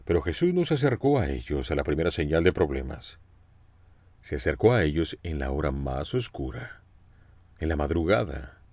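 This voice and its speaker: Deep-voiced, lively male preacher. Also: moderate pace, dry recording. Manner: expressive storytelling with questions to listeners. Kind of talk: sermon.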